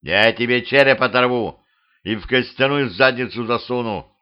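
A man's voice: deep voice, expressive, measured pace. Grumbling, threatening watchman, voiced by a male narrator, dull lo-fi recording. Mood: gruff. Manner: gruff, threatening. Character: gruff grumpy male watchman Petrovich.

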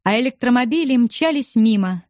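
Woman reading an audiobook, calm even tone, slightly high and mellow, dry close sound. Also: moderate pace, no room sound. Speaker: narrator. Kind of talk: scripted audiobook narration.

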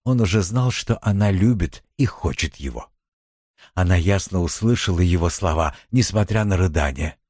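A man reading a novel aloud as an audiobook narrator, in a measured, expressive storytelling manner. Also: sits low, no echo, clean studio sound.

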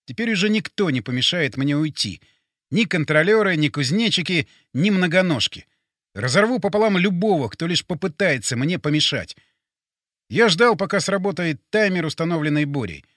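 A man narrating a first-person audiobook, tense and urgent, with sharp emotional swings. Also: a little high, lively intonation, normal speed, no echo, clean studio sound.

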